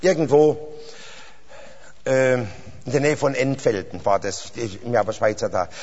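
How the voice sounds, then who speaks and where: Man, preacher, husky, rambling then fervent, handheld mic, dull sound, long church-hall echo. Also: mid-range voice, lively intonation, unhurried, darkish tone. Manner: rambling and anecdotal, rising to fervent exclamations. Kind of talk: sermon. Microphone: handheld microphone.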